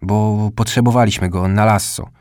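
A man's voice: fairly low pitch, steady tone, moderate pace, darkish tone, clear, resonant tone, no room sound, clean studio sound, close to an everyday voice. A man voicing a small, shy, curious boy in an audiobook. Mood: timid. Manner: timid, questioning.

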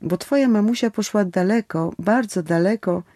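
A man voicing a gentle, shaken middle-aged doctor who speaks in a soft, trembling, tender voice. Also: high voice, moderate pace, dry recording, studio quality, voice pushed up. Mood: tender, grieving.

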